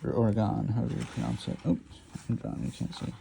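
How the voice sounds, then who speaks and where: A man's voice: medium pitch, fast, gravelly, dark tone, a little hiss or hum. A man giving a rambling, informal lecture while drawing, hesitant with many ums and restarts. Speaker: lecture host.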